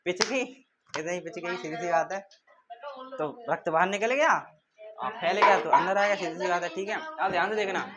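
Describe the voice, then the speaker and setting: A man's voice: high-pitched, noisy background. A male teacher giving a classroom lecture. He asks questions and answers them himself, and repeats key terms in a call-and-response drill.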